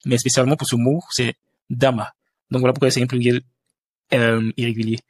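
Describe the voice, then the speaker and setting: Male tutor walking through a screen tutorial, halting with fillers, mid pitch, dry room. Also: flat delivery, no echo. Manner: hesitant, many fillers and restarts. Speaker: language teacher.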